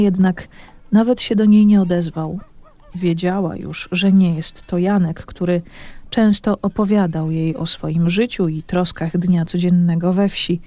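A man reads a children's legend aloud as a scripted audiobook narration. His voice sits high, and he tells the story in a steady, even manner.

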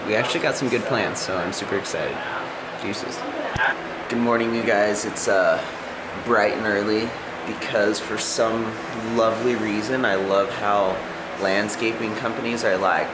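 A man's voice: on the low side, fairly even intonation, a little slow, very noisy. A young man vlogging about his workouts in a chatty, upbeat way, swearing casually. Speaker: fitness vlogger. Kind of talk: casual vlog chat. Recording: loud music under the voice. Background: loud background music.

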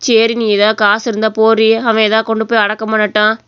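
A woman's voice: on the high side, completely flat delivery, fast talker, clear, resonant tone, no room sound, lo-fi sound, lightly acted. A woman voicing a pitying older village woman in a cartoon, talking in a lamenting, bossy way.

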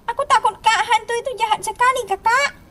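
A woman's voice: fast, bright, forceful tone, a little hiss or hum. A woman doing scared little girl Mio. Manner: whimpering, pleading, high. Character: frightened little girl Mio, young sister.

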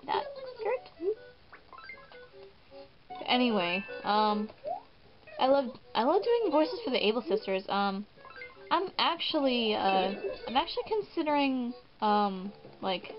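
A woman's voice: medium pitch, sing-song, a little slow. Chatty woman over game music. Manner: chatty, rambling, self-mocking. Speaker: gaming video host. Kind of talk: casual gameplay commentary. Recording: muffled, with game music behind.

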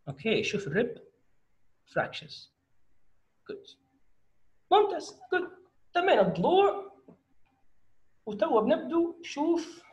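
A man giving an online medical lecture to students, encouraging them and mixing English medical terms into his dialect. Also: sits high. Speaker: doctor teaching radiology.

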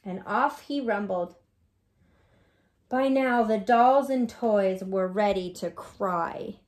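A woman teacher reading a storybook to children, gently and with soft asides. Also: mid-range voice, slow pace.

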